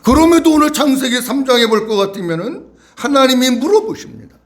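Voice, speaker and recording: A male pastor preaching a sermon in a church, asking the congregation to repeat after him and acting out questions in a slow, drawn-out voice. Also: very high voice, animated. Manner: acts out God's questions in a slow voice. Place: church sanctuary.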